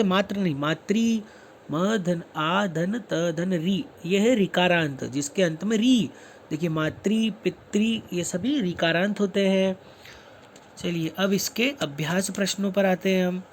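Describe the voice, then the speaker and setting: A man with a fairly high voice teaches a class at an unhurried, deliberate pace. He breaks words into their sounds one at a time, then poses questions and answers them himself, the way a teacher walks pupils through an exercise. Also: slight background noise. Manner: spells words out sound by sound, asks and answers his own questions. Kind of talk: classroom lesson explanation.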